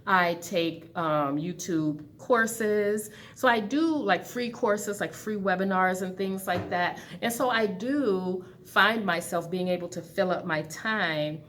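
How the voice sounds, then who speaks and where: A woman's voice: medium pitch, slow pace, few pauses, fairly bright tone, slight background noise. Chatty woman in her forties. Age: 40s. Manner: candid, chatty, talks with her hands. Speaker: budgeting channel host. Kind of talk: casual talk to camera. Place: empty classroom at work.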